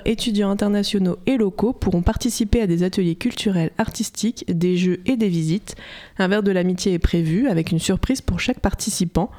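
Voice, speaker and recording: Mellow-voiced woman reading radio news. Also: medium pitch. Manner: steady scripted reading, self-correcting on slips.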